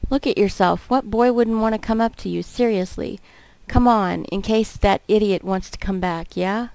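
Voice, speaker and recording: A woman's voice: mid-range voice, normal speed, creaky, a little mellow, no room sound, close to an everyday voice. A woman voicing a stern, protective teenage boy in a dating game, in her own plain reading voice.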